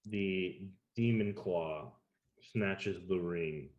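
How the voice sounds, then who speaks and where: A man narrating as game master of a tabletop role-playing game, calm and dramatic. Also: low voice, very slow, lo-fi sound. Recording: roomy echo.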